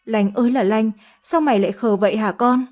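A woman's voice: a little high, brisk, a little mellow, natural voice. A woman voicing an older mother of the house who scolds in an exasperated way. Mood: scolding.

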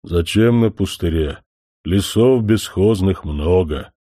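A man voicing a slow solemn young forest spirit. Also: low voice, expressive, dark tone, dry recording, studio quality, exaggerated voice. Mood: earnest. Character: young male forest spirit, earnest and gentle.

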